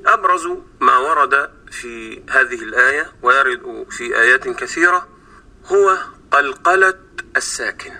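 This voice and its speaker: A man with an Egyptian Arabic accent, teaching Quran recitation on a radio program and stretching sounds slowly to demonstrate them. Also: medium pitch, bright, forceful tone. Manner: slow drawn-out sounds to demonstrate. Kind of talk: explaining pronunciation on a radio program. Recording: distant radio broadcast sound.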